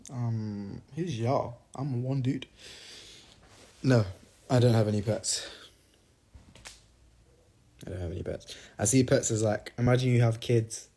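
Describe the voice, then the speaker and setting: A man's voice: mid-range voice, steady tone, measured pace, long pauses, warm tone. A young man casually reading fan questions aloud and answering them on a phone livestream, rambling and playful. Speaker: singer answering fans on a livestream.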